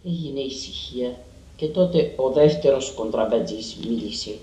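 A man giving a measured, dramatic literary reading of a story. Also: medium pitch, dark tone. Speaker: reader. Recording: roomy and distant.

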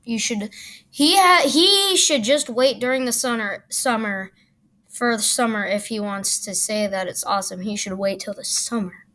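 Sarcastic reaction host, fairly high voice. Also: female voice, moderate pace, bright, forceful tone. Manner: sarcastic, dismissive. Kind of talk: reaction commentary.

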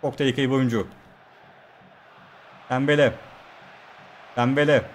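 A man streaming himself playing a football video game, calling the players' names in rapid play-by-play with casual swearing. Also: mid-range voice, steady tone, slight background noise. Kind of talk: live gameplay commentary.

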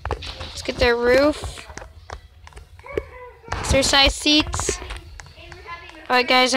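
High-voiced chatty woman gaming host. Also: sharp tone, a little hiss or hum. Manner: chatty, keeps addressing viewers as guys. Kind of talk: casual gameplay commentary.

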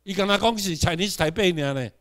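A man lecturing a class in a fairly high voice. He peppers the room with rhetorical questions and has the class repeat words after him. His delivery jumps from loud, emphatic stretches to low asides. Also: fairly quick. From Taiwan. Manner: swings between loud emphatic bursts and quiet asides.

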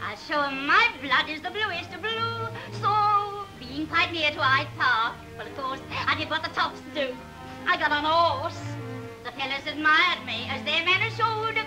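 A woman's voice: high voice, expressive, a little slow. A woman performing a saucy music hall comic song in a mock-genteel manner, half-sung and half-spoken, heard from an early 1930s talkie film soundtrack with music behind her. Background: music accompaniment.

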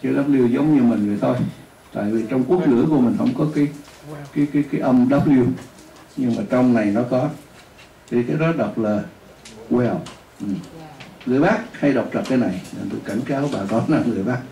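A man with a Northern Vietnamese accent teaching an English pronunciation lesson, drilling words slowly for students to repeat. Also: mid-range voice, creaky, mellow, a little hiss or hum. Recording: echoey room, voice from a distance.

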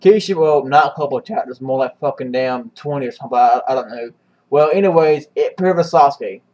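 A man's voice: mid-range voice, a little fast, darkish tone, muffled recording. A man giving a casual, rambling, profanity-heavy recap of a comic chapter, with many restarts. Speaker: manga reviewer.

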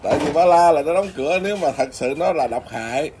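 A man's voice: fairly high pitch, animated, fast talker, a little mellow. A man who is a Buddhist monk, chatting casually and teasing, laughing often. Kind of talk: casual chat. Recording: noisy background.

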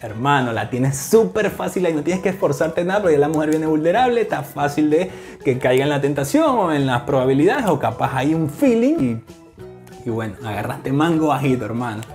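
A man's voice: on the high side, sing-song, brisk, darkish tone, faint music behind. Playful Venezuelan man explaining slang. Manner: playful, acts out examples in put-on voices, laughs often. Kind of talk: casual explainer to camera.

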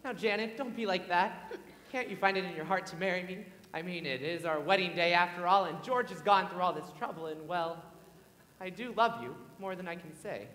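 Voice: mid-range voice, fairly quick, fairly bright tone, close to an everyday voice. An actor as an earnest, lovestruck groom. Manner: earnest, pleading. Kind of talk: live stage musical acting. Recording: reverberant theatre hall.

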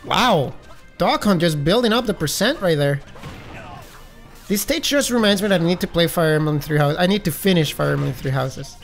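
A man streaming a game, commentating casually with an accent, excitable, gasping and shouting, swearing freely. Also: a little high, moderate pace, creaky, faint music behind. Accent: some accent. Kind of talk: live gaming stream commentary.

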